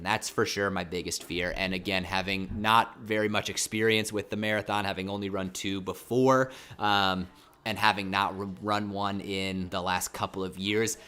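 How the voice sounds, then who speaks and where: The man's voice here is low-pitched with a sharp tone. Hosting a casual livestream chat with viewers, he rambles and corrects himself as he goes, still recovering from a mild cold that leaves his throat slightly sore.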